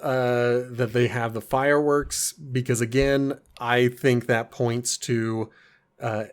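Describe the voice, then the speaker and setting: Male podcast co-host, slow and deliberate delivery, animated with sudden high jumps in pitch when excited, laughs easily. Casual film discussion. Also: smooth.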